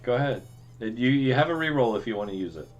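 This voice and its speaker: A man running a tabletop game as game master, narrating scenes in a slow, dramatic way. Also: medium pitch, animated, highs cut off.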